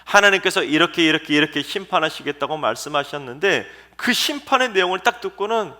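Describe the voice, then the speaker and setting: Animated male pastor preaching emphatically. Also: fairly high pitch, fast talker. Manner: emphatic, dramatic storytelling. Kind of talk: sermon.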